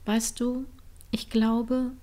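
A woman voicing an amused, affectionate young woman who murmurs softly and teases, in a storybook reading. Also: on the high side, flat delivery, extremely slow, pitched above the performer's own voice. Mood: tender. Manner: soft, teasing, murmuring.

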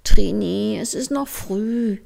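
A woman voicing a sleepy, gentle young woman in a storybook, murmuring slowly. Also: mid-range voice, creaky. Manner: drowsy and murmuring.

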